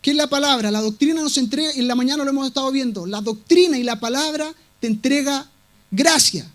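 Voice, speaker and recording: A man preaching a sermon in a strikingly high voice. He is emphatic and insistent, circling back to the same words to drive each point home. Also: fairly quick, a bit bright. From Latin America. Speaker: pastor.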